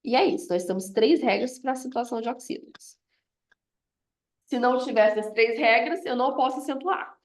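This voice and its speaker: Woman teacher, fairly high voice, patient step-by-step explaining. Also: a little fast. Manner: explanatory, checks in with "ok?" often. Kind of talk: grammar lesson review.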